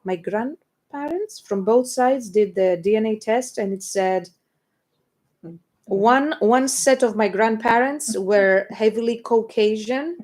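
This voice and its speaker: A woman's voice: on the high side, takes it slowly, darkish tone. Bickering young woman. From England. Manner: bickering, swears casually. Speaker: band member co-hosting a stream. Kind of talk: casual banter.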